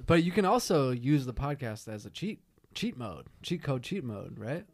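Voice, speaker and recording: A man's voice: medium pitch, big pitch swings, moderate pace. Wry man co-hosting a podcast. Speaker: podcast co-host. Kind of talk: scripted narration with casual banter.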